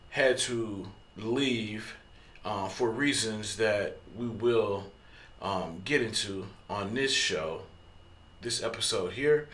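A man hosting a podcast, telling a story in a loose, profane, casual way with many fillers and throat clearing. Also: fairly low pitch, fairly bright tone. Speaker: podcast host.

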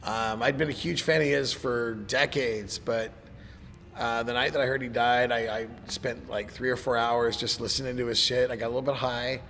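A man with a slightly gravelly smoker's rasp chatting casually and informally about music. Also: mid-range voice, fairly even intonation, moderate pace, fairly bright tone. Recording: reverberant room with background noise.

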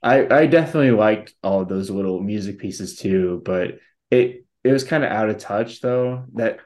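A podcast co-host with a fairly low, darkish voice and a moderate pace chats casually, rambling along with many fillers and restarts.

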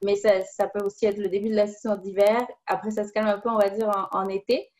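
Woman, 20s, interview guest, upbeat, clear explaining, many fillers. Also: medium pitch, level tone, fast, darkish tone. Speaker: guest, professional order student advisor. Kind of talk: interview answers.

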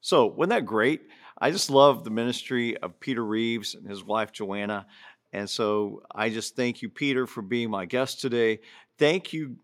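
A man's voice: medium pitch, a little slow. A man hosting a ministry show, thanking his guest and viewers at the close. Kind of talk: closing remarks.

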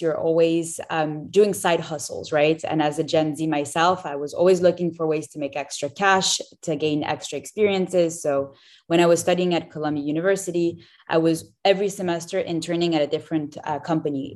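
A woman's voice: low-pitched, a little mellow. A woman in her twenties, a startup founder guest on a casual podcast interview, chatty and upbeat with frequent fillers and restarts. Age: 20s.

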